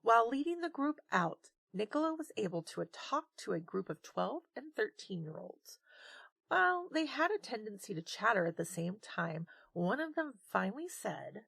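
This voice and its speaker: A woman's voice: mid-range voice, very animated, moderate pace, vocal fry, a bit bright, husky, no echo. A woman narrating a tabletop game as game master, describing events dramatically.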